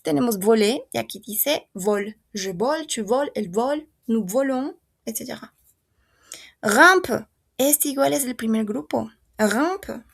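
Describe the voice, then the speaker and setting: Slow, gravelly-voiced woman teaching French. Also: a little high, expressive. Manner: patient, repeats and models each word slowly. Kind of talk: language lesson.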